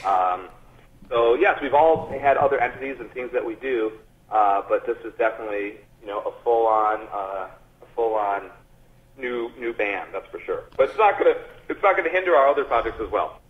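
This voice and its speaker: A man with a husky, slightly breathy voice comes through a muffled, tinny speakerphone line. His talk is loose and rambling, full of crude jokes and laughter. It sounds like a casual chat on a phone call. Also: medium pitch, expressive, moderate pace. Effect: on speakerphone over a phone call. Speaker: band member interviewed by phone.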